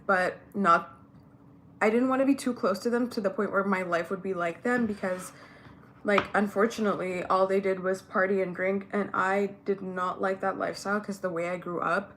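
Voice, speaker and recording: A young adult vlogger from Ethiopia, speaking English as a non-first language, chats candidly to camera in a casual get-ready-with-me video, using many fillers. Her medium-pitched, a bit bright voice moves at normal speed with fairly even intonation. A little hiss or hum is audible.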